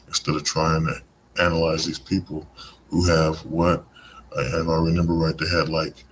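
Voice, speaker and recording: A man with a bass voice and a fairly bright tone hosts a live-streamed podcast, rambling conversationally and dropping in plenty of "you know" asides. There's a little hiss or hum in the recording.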